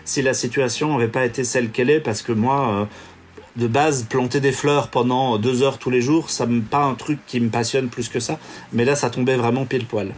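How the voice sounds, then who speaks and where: A man's voice: medium pitch, fairly even intonation, normal speed, slight background noise. A man co-hosting a podcast, chatting casually and explaining eagerly over a remote call. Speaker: podcast co-host. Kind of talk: casual chat.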